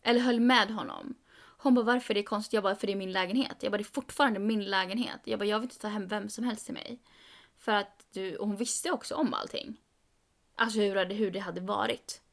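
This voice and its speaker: A young woman tells a long story in casual podcast chat. She acts out what others said with rising emphasis, and her voice has a gravelly fry at a middle pitch. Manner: animated, quoting others with "jag bara" and rising emphasis. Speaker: podcast co-host.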